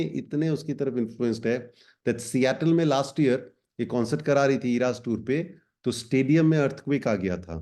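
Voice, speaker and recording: A man's voice: mid-range voice, warm tone. A man teaching a class of students in a chatty way, switching between Hindi and English phrases. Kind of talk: explanatory class talk.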